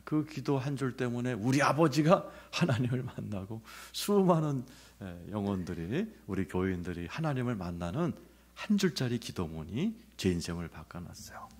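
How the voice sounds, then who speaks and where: Man, middle-aged, pastor, sermon with testimony, husky voice, lively pitch. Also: moderate pace. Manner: animated storytelling, acts out scenes and quotes.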